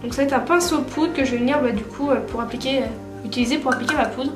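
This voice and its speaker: A woman's voice: sits high, fast talker. A young woman from France chatting casually through a makeup tutorial, with lots of fillers and self-corrections. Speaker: beauty vlogger. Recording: roomy echo with soft music behind.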